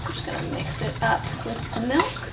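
Cooking at home, a woman in her thirties chats to the camera and walks viewers through each step of a casual tutorial for her homesteading channel. Her voice sits on the high side, with lively intonation and a moderate pace. The audio is very noisy.

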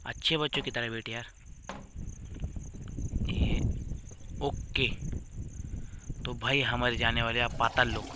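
A man's voice: medium pitch, flat delivery, takes it slowly, long pauses, noisy background. A young man giving casual, joking gameplay commentary as a gaming YouTuber, teasing the baby on screen.

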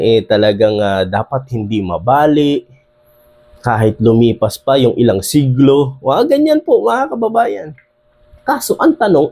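Filipino male commentator, mellow, animated talker, keeps asking his viewers rhetorical questions. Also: mid-range voice. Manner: animated, addresses viewers often, frequent fillers and rhetorical questions. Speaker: political commentator. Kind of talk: casual political commentary.

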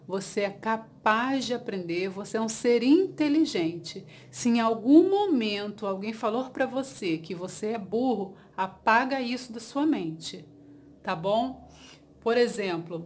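A woman's voice: on the high side, darkish tone. A woman teacher with a Brazilian Portuguese accent, giving a dictation lesson and encouraging advice to her students. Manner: slow, deliberate dictation with repeated words; encouraging, reassuring tone.

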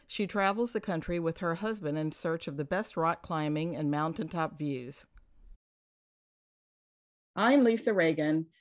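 A woman host giving a measured, formal scripted narration to introduce a series and its guests. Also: on the low side. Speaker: host, media editor.

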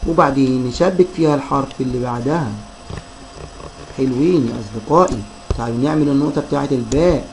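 A man with an Egyptian Arabic accent teaching a children's reading lesson, sounding out syllables slowly and addressing the kids as friends. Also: fairly high pitch, a little mellow, a little hiss or hum, poor audio.

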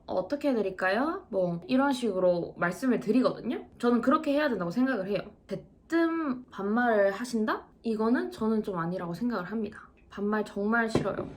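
A woman in her twenties telling a vlog story about her service job, acting out customers' lines in an animated way. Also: medium pitch. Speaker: vlogger, service worker. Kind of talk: casual storytelling to camera.

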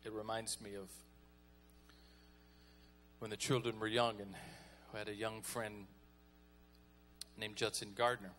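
Folksy pastor preaching. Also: male voice, lowish voice, little pitch movement, unhurried, pauses often, fairly bright tone, slight background noise. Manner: folksy, conversational preaching with audience call-and-response. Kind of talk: sermon.

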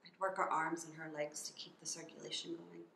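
A middle-aged woman acting a grieving, steadfast mother in a dramatic monologue, halting and intimate, breathy and hushed at times. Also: low voice, little pitch movement, full character voice. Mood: tender reminiscing. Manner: halting, emotional, intimate delivery. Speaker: actor performing a monologue. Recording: roomy, with background noise.

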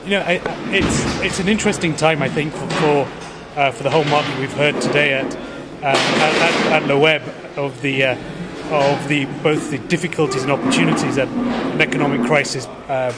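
A man in his thirties answers interview questions in a measured, businesslike tone, restarting a phrase now and then. He is recorded close up on a camera inside a big conference hall. Steady noise hums behind him. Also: a little high. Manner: measured, polished, with frequent restarts. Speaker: company executive guest. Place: large indoor conference hall. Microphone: handheld camera close to the face.

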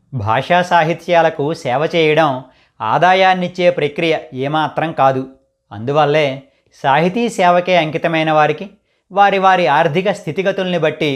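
A man with a fairly high voice teaches pronunciation in a calm, scripted lesson. He goes step by step, saying single letters and sample words slowly and clearly, one after another. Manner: measured, methodical, spells out letters and example words one by one. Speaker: teacher of a literature channel.

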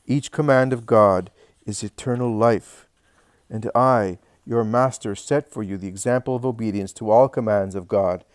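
A solemn male teacher speaking to a gathered crowd, read aloud by a man. The voice sits low and is recorded close and dry, with slow, measured emphasis. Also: dry recording, close to an everyday voice. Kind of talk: reading a religious text aloud.

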